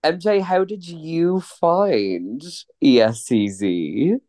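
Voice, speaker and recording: A man's voice: a little high, drawn-out words, dark tone. Upbeat male podcast host. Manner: upbeat, chatty, friendly. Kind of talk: casual podcast chat.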